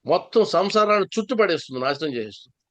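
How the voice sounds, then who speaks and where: A man's voice: high-pitched, animated, fast, a bit bright. A man from Andhra Pradesh, a spiritual speaker and psychologist, telling a story in a satsang talk and repeating key phrases for stress.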